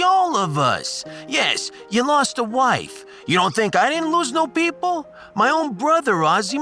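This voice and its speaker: Very animated and exaggerated, with a very high voice, this performance portrays a gruff, wounded New Jersey working man who welds on a ship. It's character acting for a sci-fi audiobook, with music playing behind him, and his manner is folksy and street-tough, addressing people as "buddy."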